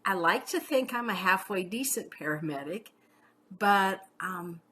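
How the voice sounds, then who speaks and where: A woman's voice: medium pitch, expressive, a little slow, fairly bright tone, slight background noise. A middle-aged woman paramedic teaching a class in a casual, chatty way, often checking in with "okay?" and telling personal stories. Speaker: paramedic instructor.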